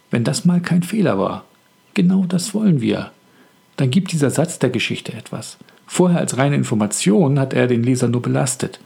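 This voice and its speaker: A man who is an author hosting a scripted podcast on the craft of writing, speaking in a calm, reflective and measured way. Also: mid-range voice, creaky, slightly rough.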